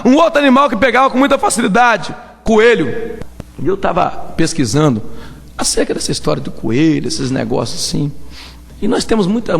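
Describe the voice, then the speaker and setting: A Brazilian Portuguese-accented man preaches a Pentecostal sermon with a high, gravelly voice. He is emphatic, keeps asking the congregation questions and suddenly rises into shouts. His voice rings with long reverb through a church hall. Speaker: evangelist preacher.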